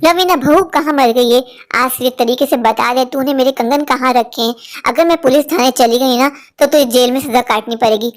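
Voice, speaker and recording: A woman's voice: high-pitched, moderate pace, lightly acted. A woman voicing a bitter, vengeful middle-aged mother-in-law in a cartoon who complains and threatens. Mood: scolding. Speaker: cartoon voice actor. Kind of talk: Hindi cartoon voice acting.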